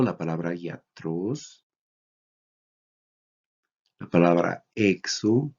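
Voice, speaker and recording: A man from Bolivia giving a recorded lecture, reading out examples slowly and deliberately. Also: fairly low pitch, darkish tone. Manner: slow, deliberate, reads out examples. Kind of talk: recorded lecture on Greek accents. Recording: dull lo-fi recording.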